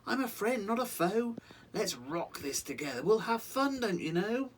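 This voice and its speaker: Man doing a squeaky little mouse. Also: very animated, moderate pace, distant mic, slight background noise. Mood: friendly. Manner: squeaky, eager and breathless. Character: tiny timid male mouse finding courage. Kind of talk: bedtime picture-book reading.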